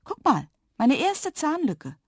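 A woman voicing an excited little kindergarten girl who speaks in an eager, outspoken way. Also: sits high, takes it slowly, no room sound, studio quality, pitched above the performer's own voice, heavily acted. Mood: proud.

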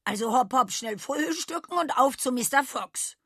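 A woman voicing an excitable, bossy goat lady who talks in a shrill, shrieking way. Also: moderate pace, vocal fry, husky, dry recording, clean studio sound, full character voice. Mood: gushing.

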